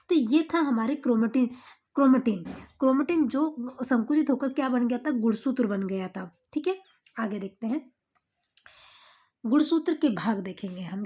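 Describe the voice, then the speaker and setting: A woman with a high, mellow voice gives a biology lesson in a steady classroom manner. She keeps putting questions to her listeners and answering them herself. She drills each new term by saying it again and again. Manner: asks questions and answers them herself, repeats key terms. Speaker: teacher. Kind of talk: classroom-style lecture.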